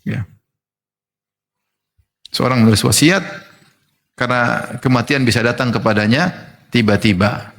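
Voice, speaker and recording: A male Islamic preacher giving a sermon, who recites Arabic passages slowly and then explains them in a lively, conversational way. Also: medium pitch, gravelly. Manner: lively, mimics wailing mourners in quoted asides. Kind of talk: sermon lecture. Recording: long hall reverb.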